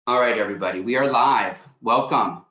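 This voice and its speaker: A man with a mid-range, pushed and bright voice co-hosts a coaching livestream as a life coach, speaking briskly. He rambles loosely with lots of fillers. The audio is dull, with a roomy echo.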